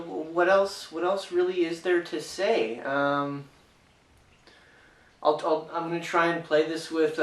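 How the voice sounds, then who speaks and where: A man with a slightly high, fairly bright voice gives a casual, unscripted board game review. He hesitates a lot, with many fillers and restarts. The room is echoey and the mic sits far away.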